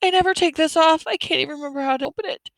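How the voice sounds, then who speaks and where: A woman voicing a frightened young girl in a storybook reading, speaking softly and frantically. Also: low-pitched, fairly even intonation, moderate pace, smooth, no room sound. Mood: frantic. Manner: frantic, soft. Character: frightened young girl, a child's best friend.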